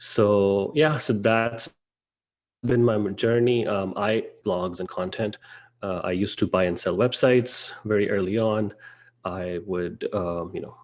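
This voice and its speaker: Low-voiced man, rambling podcast guest. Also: steady tone, takes it slowly. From Dubai. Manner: casual and rambling, frequent fillers. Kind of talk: podcast interview.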